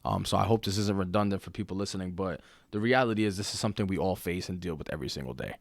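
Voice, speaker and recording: Slangy, low-voiced man in his late twenties. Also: racing, gravelly, dry recording, clean studio sound. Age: late 20s. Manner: animated, profane, slangy. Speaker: podcast co-host. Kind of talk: casual podcast chat.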